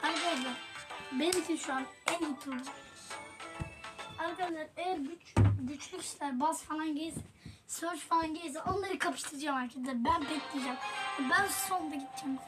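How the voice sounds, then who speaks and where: A woman with a high voice talks her viewers through a mobile game match in loose, slangy chatter. She is excitable, bursting into shouts at opponents and then muttering apologies. Loud game music plays behind her. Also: fairly quick. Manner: excitable, swings between yelling at opponents and quiet apologies; casual slangy talk to viewers. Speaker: gaming YouTuber. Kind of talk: live gameplay commentary.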